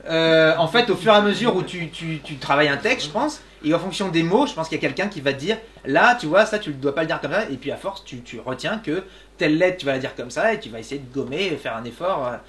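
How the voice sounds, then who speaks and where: A man in his thirties, a voice actor answering audience questions in a relaxed, chatty way, laughing often and filling pauses with "euh". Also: fairly high pitch. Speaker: voice actor guest. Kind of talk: casual Q&A talk. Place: small workshop room with audience.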